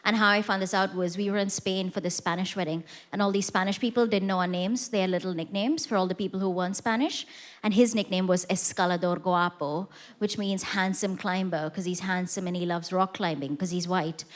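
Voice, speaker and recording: Speaking fairly quickly in a lowish voice with fairly even intonation, a woman delivers a stand-up set on a theatre stage to a live audience. Through the stage mic, her self-deprecating jokes come across as chatty and conversational.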